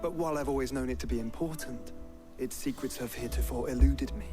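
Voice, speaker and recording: A man's voice: mid-range voice, fast, close to an everyday voice. An actor playing an earnest, refined young nobleman in a fantasy video game. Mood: earnest, explanatory. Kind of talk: dramatic video game acting. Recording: game music playing behind the voice.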